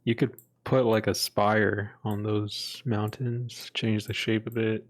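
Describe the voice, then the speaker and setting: A man's voice: fairly low pitch, flat delivery, takes it slowly. A man co-hosting a casual chat, easygoing and full of suggestions. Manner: easygoing, offers ideas and suggestions. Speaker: podcast co-host.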